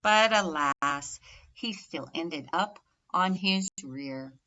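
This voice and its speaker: Unhurried and expressive, a woman narrates a rhyming children's story, leaning clearly into every rhyme in her bright, slightly low voice. She is a storybook reader, and the recording sounds muffled.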